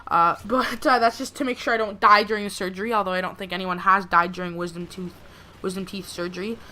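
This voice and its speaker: A young woman talks casually, as in a personal gameplay commentary. Her voice is bright and sharp-edged, at an average pitch for a woman. She rambles through her story with plenty of conversational filler. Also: steady tone, fast talker, a little hiss or hum. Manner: rambling, frequent "like" and "you know". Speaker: gameplay video creator.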